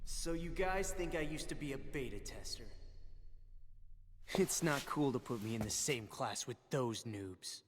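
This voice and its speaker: A man's voice: medium pitch, expressive, a little slow, slight background noise, lightly acted. An actor voicing a cocky teenage male swordsman gamer who talks in a boastful, scornful way, heard in an anime clip. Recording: anime clip with reverb and music.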